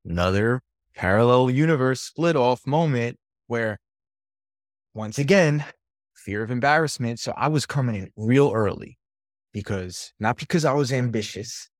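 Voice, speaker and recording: A man, a podcast guest and sales coach, telling stories from his career in a lively, casual way and swearing now and then. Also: medium pitch, a little slow, no room sound, studio quality. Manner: animated storyteller, swears casually. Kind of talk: casual interview storytelling.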